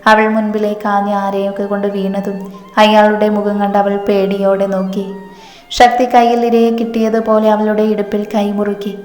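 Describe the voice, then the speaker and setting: A woman narrating a scripted romance story at a steady, even read-aloud pace. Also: medium pitch, moderate pace. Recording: echoey room with music behind.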